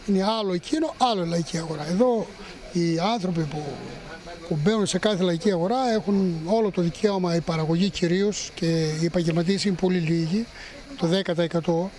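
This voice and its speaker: A man in his sixties speaking haltingly in a news interview, as a municipal councillor, into handheld microphones outdoors. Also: high-pitched, darkish tone, low-quality recording. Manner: halting, with pauses mid-sentence. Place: outdoor street market. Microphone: handheld press microphones.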